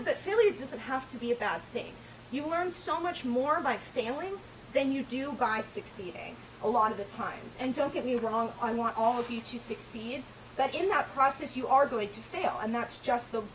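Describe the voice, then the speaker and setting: A woman's voice: fairly high pitch, normal speed, far from the mic, slight background noise, poor audio. A woman giving an earnest, encouraging motivational talk. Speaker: speaker.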